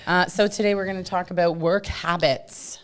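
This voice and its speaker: A woman's voice: on the low side, steady tone, normal speed. A woman co-hosting a podcast in casual, giggly chat. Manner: giggly, chatty. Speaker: podcast co-host.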